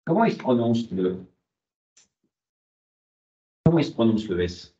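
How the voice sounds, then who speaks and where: A man's voice: mid-range voice, big pitch swings, measured pace, warm tone. A man lecturing a university class, asking rhetorical questions and answering them himself. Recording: muffled, echoey classroom.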